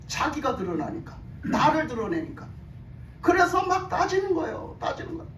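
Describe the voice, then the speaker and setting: A woman pastor preaching a sermon in a church, telling the story with lively repetition and questions to the congregation. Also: sits high, normal speed. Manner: animated storytelling, repeating phrases, questioning the congregation. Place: church sanctuary. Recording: echoey hall, distant mic, faint noise.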